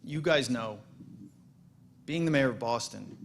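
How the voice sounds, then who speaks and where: A man, the president of a congregation, giving a relaxed welcome speech with self-deprecating jokes and frequent restarts. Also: mid-range voice, unhurried, gravelly. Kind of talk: welcome speech at a holiday service. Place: synagogue sanctuary.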